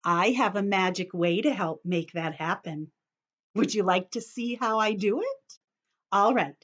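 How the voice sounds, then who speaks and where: Over a lo-fi recording from a computer's built-in camera and microphone, a woman with a medium-pitched, slightly bright voice teaches young children a craft at a measured pace. She's a teacher leading an online story time, explaining each step patiently in simple words, sing-song, with regular check-in questions.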